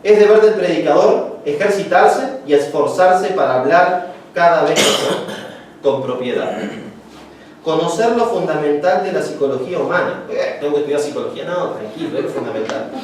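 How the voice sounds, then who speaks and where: Heard from far away in an echoey room with background noise, a man gives a relaxed homiletics lecture. His fairly high voice is expressive and paced normally, and he jokes around and acts out anecdotes as he goes.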